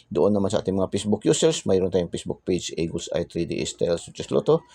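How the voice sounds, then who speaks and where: A man's voice: low voice, very animated, quick pace, creaky, warm tone. A man hosting a lottery tip channel, talking casually and chattily, tacking "ha?" onto his sentences and now and then dropping to a whisper. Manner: chatty, repeats tag phrases and "ha?" constantly; drops into whispers for secret numbers.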